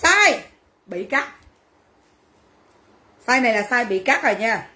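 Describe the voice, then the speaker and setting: A woman's voice: fairly high pitch, very animated, takes it slowly, pushed and bright, roomy sound. A woman selling clothes on a livestream, brash and teasing as she banters with viewers. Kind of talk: livestream sales chat.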